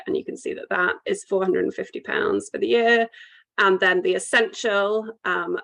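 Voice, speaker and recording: A British-accented webinar presenter with a medium-pitched, creaky, slightly bright voice gives an online sales presentation that includes questions. She keeps a polite, businesslike conference-call manner.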